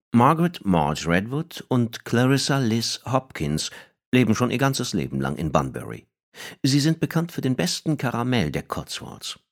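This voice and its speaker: A man reading an audiobook in measured, expressive scripted narration. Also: low-pitched.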